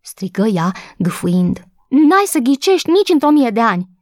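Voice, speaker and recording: A woman voicing an excitable young housemaid who is gossipy, breathless and quick to take offense, in an audiobook reading. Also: medium pitch, no echo, studio quality, close to an everyday voice. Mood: excited. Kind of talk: audiobook character voice.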